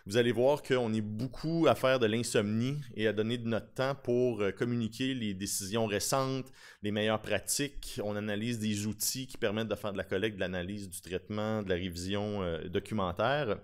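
A man in his thirties with a Québécois French accent speaks at a conference lectern. His voice sits a little low. He presents in an informal, talkative way into a podium microphone. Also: fairly even intonation, moderate pace. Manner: informal, talkative, with self-deprecating humour. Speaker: conference speaker, lawyer specializing in digital forensics. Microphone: podium gooseneck microphone.

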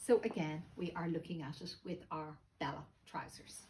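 A woman's voice: deep voice, moderate pace. A middle-aged woman with a slightly thick, sore-throat voice, giving a casual sales presentation to camera. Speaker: boutique presenter. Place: small clothing boutique, indoors. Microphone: phone camera a few metres away. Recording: steady background shop noise, phone video.

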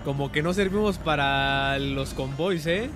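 A young man with a Mexican Spanish accent, casually commenting on a driving game with joking, excitable outbursts. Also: on the high side, a little slow, music in the background. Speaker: streamer.

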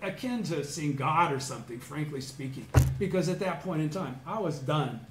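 A middle-aged man from Southern California tells a long personal story in a slightly high voice. He leans into it and acts out his own past words, sometimes chanting or shouting. The room is echoey, with faint noise behind him. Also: animated, moderate pace. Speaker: study group member telling a personal story. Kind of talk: casual storytelling to a small group.

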